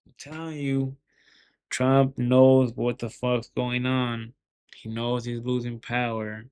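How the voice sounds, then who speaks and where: A man's voice: mid-range voice, little pitch movement, slow, a little mellow, a little hiss or hum. A man giving casual, rambling market commentary, swearing heavily and often restarting his sentences. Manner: profane, rambling, heavy swearing; repeats words and restarts often.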